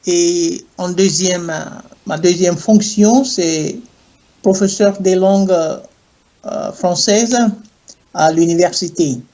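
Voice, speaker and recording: A middle-aged man from Ghana, an English speaker, answering interview questions in a slow, hesitant way with many pauses and fillers. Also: high voice, fairly even intonation, mellow, highs cut off. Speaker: guest, clergyman and university French teacher.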